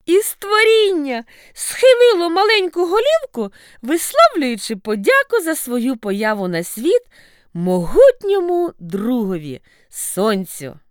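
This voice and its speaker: A woman narrating a storybook tale in an expressive way, with sweeping pitch. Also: slow, no room sound, clean studio sound. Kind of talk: storybook reading.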